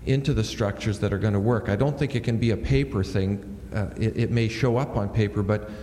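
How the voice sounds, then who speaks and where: A male senior minister reflects earnestly on a panel, restarting his thoughts as he works them out. His voice is fairly low and mellow. The sound carries a long hall echo with faint noise behind it. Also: a little fast. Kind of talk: panel discussion.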